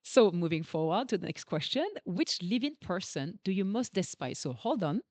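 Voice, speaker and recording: A woman's voice: lowish voice, very animated, normal speed, dry recording. A woman with a non-native English accent hosting an interview, asking questions and agreeing often. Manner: warm agreeing, many "true" and "yeah" replies. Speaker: podcast host, interviewer.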